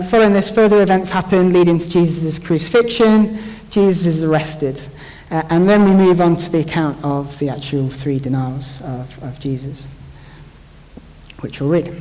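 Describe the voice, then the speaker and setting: A young man talks through a Bible story in a loose, joking way, often restarting his sentences as he thinks aloud. His voice sits a little high for a man. The sound carries a long reverb, as if recorded in a large hall. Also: a little mellow. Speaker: church speaker. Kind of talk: informal Bible talk.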